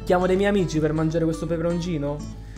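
A young man chatting casually and excitably to his livestream viewers from a small room. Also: fairly high pitch, fast talker, over music. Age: young adult.

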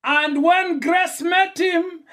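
Very high-pitched man preaching slowly. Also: steady tone, fairly bright tone. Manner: emphatic, deliberate phrasing. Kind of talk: homily.

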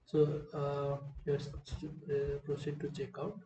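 A software demonstrator, a man, narrates an unscripted screen-recording walkthrough in a halting, hesitant way. His fairly high voice stays monotone, and the audio is muffled and roomy with faint background noise.

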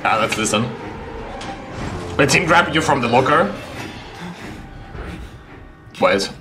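A man in his twenties, a game streamer, gives casual live gameplay commentary from a small room at home, speaking slowly in an animated, mid-range voice while addressing his chat. He's reactive and exclamatory, with music playing behind him and game noise clearly audible in the background.

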